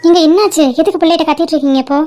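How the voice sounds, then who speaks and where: A woman's voice: very high-pitched, racing, dark tone. A woman voicing a protective middle-aged mother in a cartoon family drama, pleading and defending her son.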